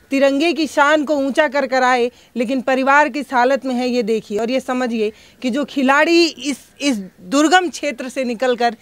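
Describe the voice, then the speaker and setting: A woman reports on location as a field news reporter, coaxing and pleading with her questions before speaking impassioned to camera. Her voice is high-pitched, with no room sound.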